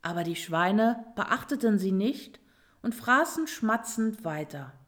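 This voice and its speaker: A woman reading a children's storybook aloud in a calm, expressive way. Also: mid-range voice, takes it slowly. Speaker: narrator.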